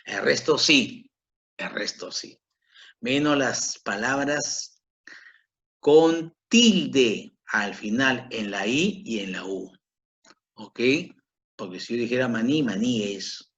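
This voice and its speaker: Male teacher, middle-aged, unhurried, repeats and checks understanding; dull lo-fi sound. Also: medium pitch, expressive, fairly bright tone. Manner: slow, repetitive, checks in with "¿ok?". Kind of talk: grammar lesson. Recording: dull lo-fi recording.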